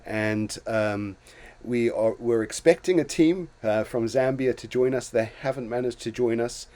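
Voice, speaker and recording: The host, an older man from Zimbabwe, speaks at a medium pitch and a measured pace with a warm tone. On his casual talk show he reflects on his own life through stories, with many restarts and small chuckles.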